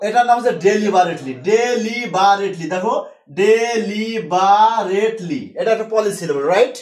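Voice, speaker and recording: A man's voice: high voice, expressive, brisk, darkish tone, echoey room. A man with a Bengali accent teaching English to a class, mixing Bengali and English and drilling students with call-and-response.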